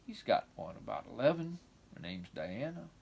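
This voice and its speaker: A man's voice: medium pitch, big pitch swings, moderate pace, creaky, a little mellow, slightly rough, exaggerated voice. Man playing a shy, folksy old farmer. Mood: plain explaining.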